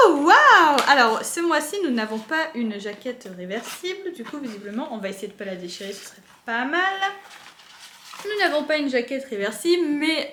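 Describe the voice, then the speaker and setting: A young woman casually chatting as she unboxes books at home, gushing with excitement and using lots of fillers. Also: on the high side, slight background noise. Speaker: book unboxing vlogger. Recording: echoey room.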